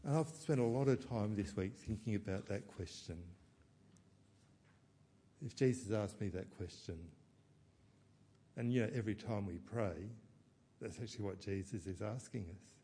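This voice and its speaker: A man's voice: lowish voice, normal speed, pauses often, slightly rough. A man giving a reflective sermon as a pastor, often questioning himself aloud. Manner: reflective, self-questioning, with soft laughs and restarts.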